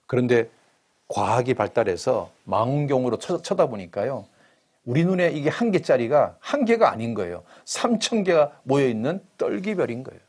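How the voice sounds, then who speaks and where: A man preaching a sermon in church, talking in an animated way and keeping the congregation involved with questions. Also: mid-range voice, moderate pace, breathy edge.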